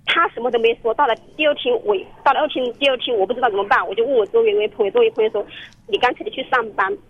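A woman's voice: fairly high pitch, racing, slightly rough. A woman calling in to a radio counseling show, telling her story in an earnest, rambling way with many restarts, heard over a phone line. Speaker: caller. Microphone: telephone.

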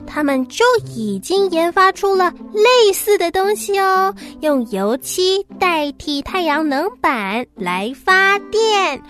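High-pitched woman presenting to small children over music. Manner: animated, addressing small children as if reading to a toddler.

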